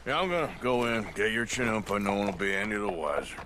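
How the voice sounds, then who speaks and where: Low-voiced American outlaw played by a man. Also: lively intonation, quick pace, noisy background, close to an everyday voice. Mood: low, resolute. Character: gruff adult male Western outlaw, loyal and self-assured. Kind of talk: video game voice acting.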